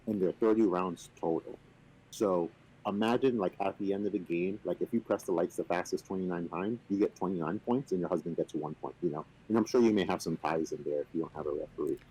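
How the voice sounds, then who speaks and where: A man on a video call casually explaining a game, relaxed and playfully boastful, with lots of fillers. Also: sits low, husky, low-quality recording. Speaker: company representative teaching the game. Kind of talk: casual chat on a stream.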